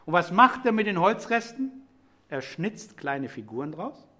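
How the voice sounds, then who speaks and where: High-voiced man preaching a sermon. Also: very animated, measured pace, bright, forceful tone. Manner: conversational, explanatory, addresses congregation directly.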